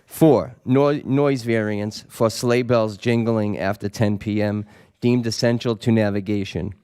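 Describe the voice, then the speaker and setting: A man's voice: lowish voice, fairly even intonation, a little slow, warm tone, smooth. A man presiding at a council meeting, reading out an official notice in a mock-formal style.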